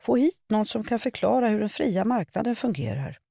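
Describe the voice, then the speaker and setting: A woman reading a humorous column, voicing a shrill, demanding older woman who swears at a priest in a shop. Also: big pitch swings, slightly rough, no room sound, clean studio sound. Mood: furious.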